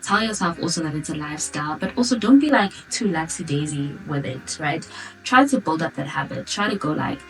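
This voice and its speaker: A woman's voice: low-pitched, animated, fairly quick. A 28-year-old South African woman from Durban chatting informally to her viewers in a casual question-and-answer vlog. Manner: chatty, informal, girl-talk address to viewers. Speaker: vlogger. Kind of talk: casual Q&A chat to camera. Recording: distant mic, background music.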